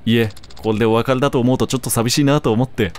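A man voicing a shy, polite teenage girl idol who stammers softly, reading along while playing. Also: mid-range voice, fairly even intonation, rapid-fire, slight background noise, natural voice. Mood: wistful. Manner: soft, polite, hesitant stammer.

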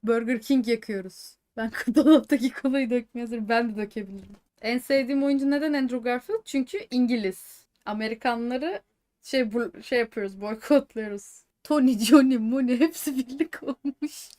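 An excitable woman streamer reacts live to a game she is watching, trading jokes with her chat. Her voice sits a little on the high side. She slips English words into her chatter. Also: normal speed. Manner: excitable, swings between joking chatter and anxious outbursts.

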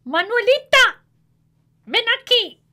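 A woman's voice: very high-pitched, sing-song, takes it slowly, voice pushed up, heavily acted. A woman voicing a caring, busy mother who gives instructions to her children. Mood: fussing. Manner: gently instructing, then exclaiming.

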